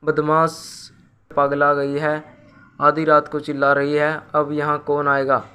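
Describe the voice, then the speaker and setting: A man's voice: on the high side, completely flat delivery, takes it slowly, bright, forceful tone, smooth. Man doing a sly grumbling thief. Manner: muttering to himself.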